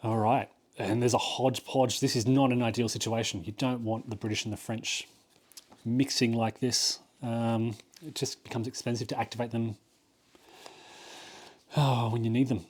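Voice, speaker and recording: A man of average pitch talks through a solo board game playthrough, thinking aloud as he counts spaces and weighs each move. His delivery is loose and conversational, full of ums and small self-corrections. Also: little pitch movement, normal speed, darkish tone, husky.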